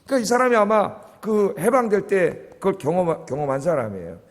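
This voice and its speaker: Man, pastor, sermon, high voice, lively swooping delivery, long reverb of a church sanctuary. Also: fairly quick. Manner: animated, often prompting the congregation with "예?"; acts out quoted voices and jokes with listeners. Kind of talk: sermon at a dawn service.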